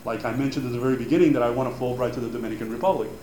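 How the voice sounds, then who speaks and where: Racing along in a mellow, mid-range voice, a Cuban-born native Spanish speaker advises students at an info session about a grant program. His talk is informal and rambling, packed with fillers and restarts, and the recording carries echo and faint background noise from the audience-filled room.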